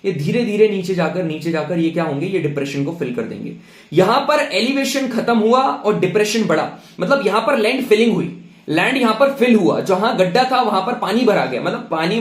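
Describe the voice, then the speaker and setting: A young male teacher gives an exam-prep lecture, switching between Hindi and English, repeating key terms and speaking straight to his students. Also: high voice. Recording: roomy echo.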